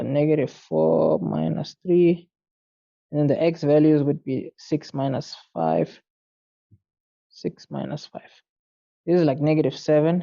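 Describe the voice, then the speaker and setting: A tired man talks through a maths exam paper late at night, thinking aloud and muttering to himself. His voice is very dark and mellow with a gravelly fry. The recording sounds dull and lo-fi. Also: a little high. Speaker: maths tutor.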